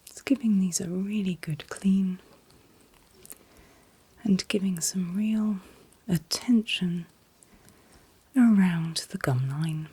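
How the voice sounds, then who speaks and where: A woman doing a whispered role-play as a calm dentist, speaking in a breathy whisper with gentle, reassuring, unhurried instructions. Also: lowish voice. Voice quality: breathy, mostly unvoiced whisper. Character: calm, attentive dentist soothing a patient. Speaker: ASMR performer playing a dentist.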